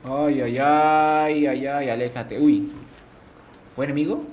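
A man's voice: fairly high pitch, fairly even intonation, takes it slowly, a little mellow, soft background music. A man streaming a game live, chatting casually. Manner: chatty, greets chat, slangy.

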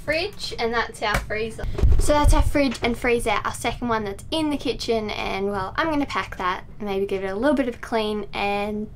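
A woman's voice: on the high side, moderate pace. A teenage girl casually vlogging from a sailboat cabin and a car, speaking into a handheld camera held at arm's length and filling her talk with "like". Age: teens. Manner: chatty, filler-heavy with frequent "like". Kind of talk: casual vlog narration. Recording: noisy handheld camera audio.

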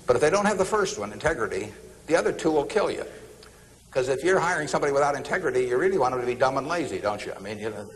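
A man's voice: medium pitch, expressive, racing, in a large hall, low-quality recording. A man explaining a point to an audience in a matter-of-fact way, with ironic asides.

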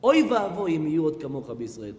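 A man acting out a brash young man who shouts and mocks a sage, in a boomy hall. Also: big pitch swings. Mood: mocking. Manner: shouting, mocking, needling. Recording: echoey hall.

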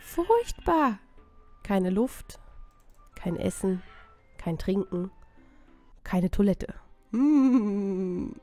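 A woman's voice: medium pitch, animated, extremely slow, pauses often, warm tone. A woman casually commenting on a video game she plays, chatty and reacting emotionally, with game music behind. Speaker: let's player.

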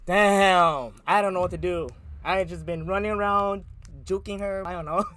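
A man's voice: high-pitched, moderate pace, fairly bright tone. A man playing a horror game and commenting casually, jumpy, with yelps and nervous laughter at the scares. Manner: slangy, casual talk to himself. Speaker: gaming YouTuber.

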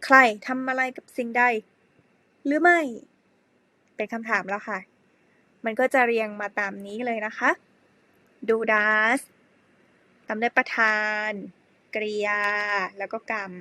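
A woman teaching an English grammar lesson to primary pupils, speaking slowly and spelling words out letter by letter. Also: on the high side, bright, forceful tone, dry recording. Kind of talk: slow spelled-out classroom lesson.

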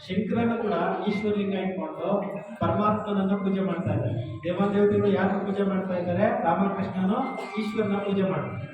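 A man's voice: high voice, steady tone, a little fast, highs cut off, background noise. A man working as a museum guide, explaining pictures on the walls to a group, asking them questions and telling them where to stand. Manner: asks the group questions and has them repeat answers. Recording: echoey hall, far from the mic, with a crowd.

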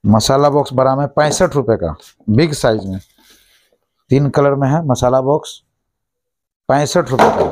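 A man in his thirties, a shop owner, listing plastic goods and their prices and repeating each price briskly, recorded indoors on a lapel mic in a small shop office. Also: medium pitch, a little mellow. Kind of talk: product price rundown.

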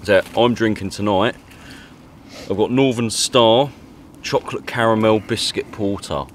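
A man's voice: fairly low pitch, unhurried, slight background noise. A man chatting casually and teasing his friends at a woodland camp at night. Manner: jokey, teasing. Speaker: vlogger. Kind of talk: casual chat by the campfire.

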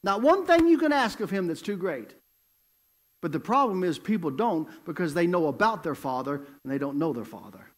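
Animated, high-voiced male evangelist. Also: normal speed. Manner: storytelling, emphatic, repetitive. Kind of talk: sermon. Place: church.

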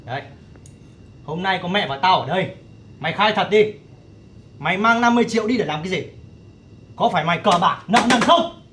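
Strict big brother in a tv drama, higher voice, scolding, faint noise. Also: male voice, a little fast, pauses often, fairly bright tone. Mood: stern. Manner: stern, scolding. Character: stern elder son and husband, young adult man.

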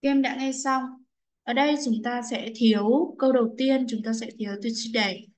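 A woman English teacher explaining a lesson to pupils in a clear, patient instructional tone. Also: a little high, fairly even intonation, normal speed, rough recording.

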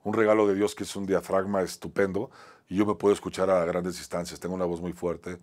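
An acting teacher with a Mexican Spanish accent and a fairly low, level voice tells a personal anecdote on a talk show, talking fast. He swings between a strong, projected voice and a soft, quiet one, often tacking a little question onto his phrases.

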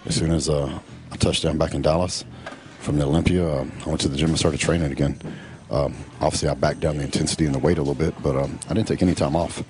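A middle-aged man, casually narrating in a laid-back, drawn-out way full of fillers. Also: very deep voice, steady tone, darkish tone. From Texas. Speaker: professional bodybuilder.

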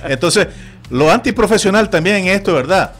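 Animated Nicaraguan radio host, man. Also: high voice, normal speed. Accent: Nicaraguan Spanish. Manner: animated storytelling, acts out quoted voices. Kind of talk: radio sports talk. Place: radio studio.

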